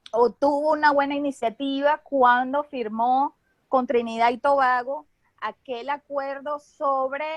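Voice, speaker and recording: A woman speaks in a noticeably high voice with a Venezuelan Caribbean Spanish accent, recorded dry and close. Her delivery is didactic and semi-formal, like an expert explaining a subject, with short tag questions to check that listeners follow. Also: dry recording.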